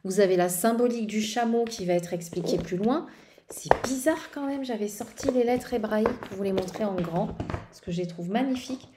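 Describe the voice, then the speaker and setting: A woman's voice: medium pitch, normal speed, very noisy. A woman vlogging casually about tarot decks, rambling with frequent hesitations and restarts. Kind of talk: casual tarot show-and-tell.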